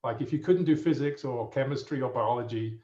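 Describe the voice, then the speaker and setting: A man in his fifties with an English accent, a guest telling his story in a relaxed, rambling way with lots of fillers, heard over muffled remote audio. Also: medium pitch, a little fast. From England. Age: 50s. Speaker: guest professor. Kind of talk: casual storytelling. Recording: muffled, roomy audio from a distance.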